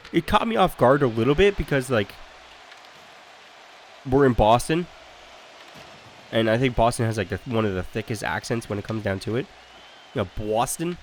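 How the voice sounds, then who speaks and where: A man's voice: medium pitch, slight background noise. Chatty young man rambling over gameplay. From Canada. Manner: chatty, rambling storyteller who drifts off on tangents. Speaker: gaming YouTuber. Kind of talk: casual gameplay commentary.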